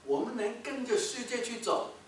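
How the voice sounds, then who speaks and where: A man preaching a sermon as a pastor, telling a story with rhetorical questions and loud bursts when he quotes someone shouting. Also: very high voice, animated, normal speed, a little hiss or hum. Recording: echoey hall, mic from far off.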